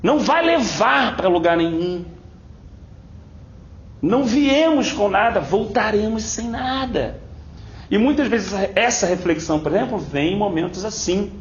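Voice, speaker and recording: Man, Brazilian Portuguese accent, Bible study teacher, rhetorical questions, high voice, roomy dull recording. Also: lively intonation, a little slow, a little hiss or hum. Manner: conversational, full of rhetorical questions. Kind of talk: informal Bible study talk.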